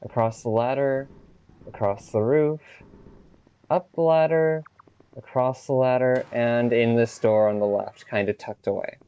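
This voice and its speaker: A man's voice: medium pitch, steady tone, measured pace, warm tone, smooth, lo-fi sound. A man casually narrating a video game walkthrough with wry, offhand remarks. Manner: wry, offhand, swears when he slips.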